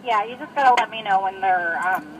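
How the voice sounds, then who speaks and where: A woman's voice: mid-range voice, a little fast, a little hiss or hum, rough recording. A woman working as a barista, politely and patiently taking orders through a drive-thru speaker box. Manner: polite, patient customer-service tone. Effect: heard through a drive-thru speaker box.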